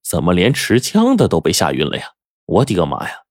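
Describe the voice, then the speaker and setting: A man voicing a panicky young robber who urges flight in frantic shouts. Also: low-pitched, huge pitch swings, fairly quick, dry recording, studio quality, heavily acted. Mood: alarmed. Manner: frantic yelling.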